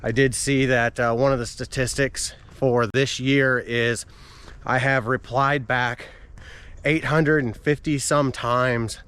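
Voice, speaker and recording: Slow and smooth, this man's medium-pitched voice has a steady, fairly bright tone. He's a running vlogger who hosts his channel, chatting casually to the camera for viewers during an outdoor walk.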